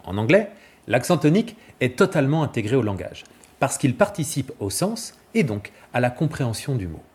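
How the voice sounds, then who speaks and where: A male vocal coach giving a clear, didactic scripted explanation and demonstrating examples. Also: medium pitch, big pitch swings, normal speed, a little mellow.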